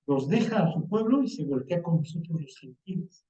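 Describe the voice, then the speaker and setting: High-pitched Mexican preacher, echoey and distant. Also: male voice, moderate pace. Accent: Mexican Spanish. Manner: colloquial, animated, voices quoted dialogue. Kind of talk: sermon. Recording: echoey, distant, dull lo-fi sound.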